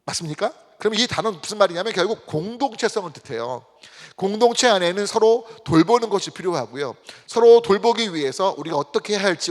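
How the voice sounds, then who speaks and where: A male pastor giving a sermon, often asking the congregation questions and acting out the people in his stories. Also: fairly high pitch. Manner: asks the congregation questions and acts out quoted people. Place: church sanctuary. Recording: long church reverb.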